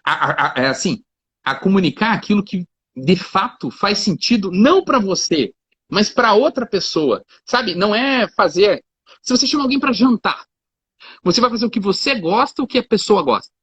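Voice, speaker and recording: A man's voice: high voice, lively intonation, normal speed, a bit bright, husky, no room sound. A man, a lawyer talking in a casual conversation, explaining his points with everyday examples and lots of fillers. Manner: talkative, explains with examples, fillers like 'cara' and 'né'. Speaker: lawyer, guest. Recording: dull lo-fi sound.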